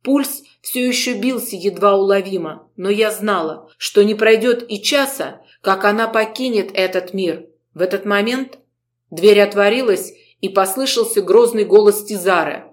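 A woman narrating a first-person audiobook in an expressive, emotional storytelling manner. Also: medium pitch, moderate pace.

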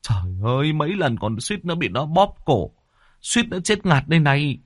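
A man voicing a jumpy, quick-tempered older man who talks in a rushed, agitated way. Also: fairly high pitch, sing-song, no echo, studio quality, voice pushed up. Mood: frightened.

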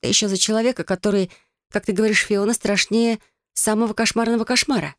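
Steady audiobook narrator, dry close sound. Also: medium pitch, quick pace, dry recording. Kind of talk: first-person storybook narration.

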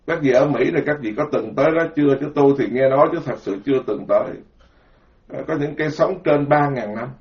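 A man with a mid-range voice speaks fast, a Buddhist monk with a Southern Vietnamese, Mekong Delta accent. He gives an informal, joking sermon, heaping words into emphatic lists, captured in a dull lo-fi recording.

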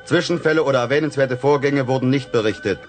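Actor as a formal space dispatch announcer. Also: male voice, medium pitch, quick pace, faint music behind, natural voice. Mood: official. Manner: formal, official reading. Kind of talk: radio drama acting.

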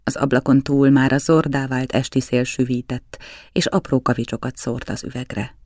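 A man reading a novel aloud in measured, even storytelling narration. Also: medium pitch, no echo, studio quality. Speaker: audiobook reader.

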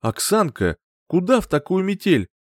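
A man's voice: high voice, sing-song, normal speed, no echo, voice pushed up. A man voicing a timid, cowed man in an audiobook, defensive and placating. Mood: cowering. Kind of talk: audiobook character voice.

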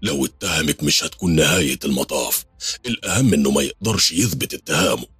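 Brief: man doing a steady Egyptian jinn king, deep husky voice, reassuring. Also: fast talker, no echo, soft background music, heavily acted. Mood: calm. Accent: Egyptian Arabic. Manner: reassuring, calm.

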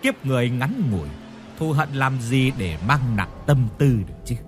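A man voicing a kindly older Buddhist master who preaches gently and calmly. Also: mid-range voice, normal speed, faint music behind, close to an everyday voice. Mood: calm, preaching.

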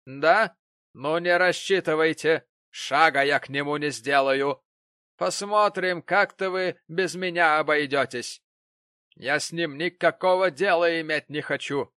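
Мужчина-чтец озвучивает насмешливую вспыльчивую пожилую сиделку, которая язвит и кричит. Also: male voice, fairly high pitch, unhurried, clean tone, no room sound, studio quality, pitched above the performer's own voice. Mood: sneering. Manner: sneering, shouting. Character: mocking, bad-tempered old woman nurse.

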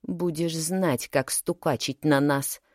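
A woman's voice: deep voice, steady tone, slow pace, darkish tone, no echo, studio quality. A woman voicing a rude, whiny twelve-year-old girl in a storybook reading, snapping and whining. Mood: irritated.

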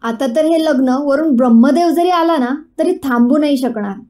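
A woman's voice: sits high, moderate pace, mellow, natural voice. A woman voicing an arrogant young man who taunts and scorns his bride-to-be in a storybook reading. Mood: scornful.

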